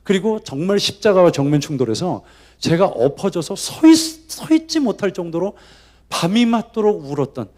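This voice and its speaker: A man's voice: sits high, normal speed. A man preaching a revival sermon, telling his own story and acting out the voices of the people in it. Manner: animated, acts out quoted voices. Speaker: guest preacher. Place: church sanctuary.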